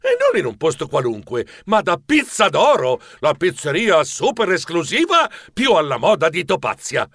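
A man narrating a children's audiobook in a playful, animated way, as the hero who tells the story. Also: fairly high pitch, moderate pace, few pauses, dry recording, clean studio sound.

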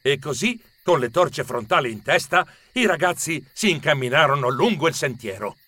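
A man narrating a children's story with expressive storytelling. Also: a little high, moderate pace, no echo.

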